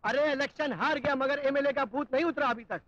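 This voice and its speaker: A man's voice: very high-pitched, a little fast. An actor playing a sly young con man who fawns and acts innocent in a comic film scene. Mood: mocking. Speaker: con man posing as a lost brother. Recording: dull dry old film soundtrack.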